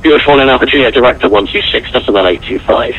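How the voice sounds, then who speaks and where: A man's voice: mid-range voice, fast, fairly bright tone. A man working as an air traffic controller, giving clipped procedural instructions over the radio. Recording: muffled radio, faint noise.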